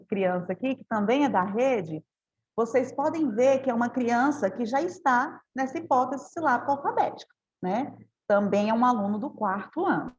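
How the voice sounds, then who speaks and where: A woman's voice: fairly high pitch, lo-fi sound. A woman giving a teacher training talk, explaining step by step and often adding tag questions.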